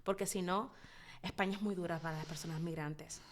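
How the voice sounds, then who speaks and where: A Dominican woman in her thirties, a psychologist guest telling her life story in an interview, expressive and reflective, pausing often as she thinks. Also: on the low side, slight background noise. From Dominican Republic. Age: 30s. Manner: expressive, reflective, with frequent hesitations.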